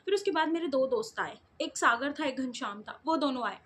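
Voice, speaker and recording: A woman's voice: high voice, animated, fairly quick, a bit bright, slight background noise. A young woman vlogger chatting casually to her viewers, telling stories in a giggly, talkative way.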